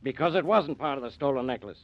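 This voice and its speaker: An actor playing a gruff, blustering, suspicious male police inspector in 1940s radio-drama style, heard as an old radio show broadcast. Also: mid-range voice, lively intonation, fast talker. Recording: dull lo-fi vintage radio recording.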